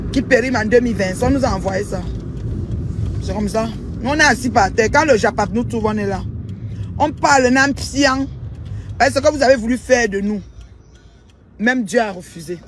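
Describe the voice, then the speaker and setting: A woman's voice: on the high side, background noise. A woman talking in a casual vlog monologue as a social media commentator. She is emphatic and repetitive and keeps calling her listeners "maman.".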